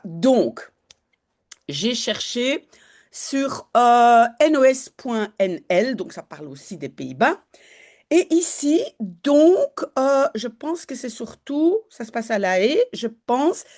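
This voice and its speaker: A woman's voice: fairly high pitch, darkish tone. A woman teaching Dutch, talking learners through a news article in a chatty way, with many fillers and self-corrections.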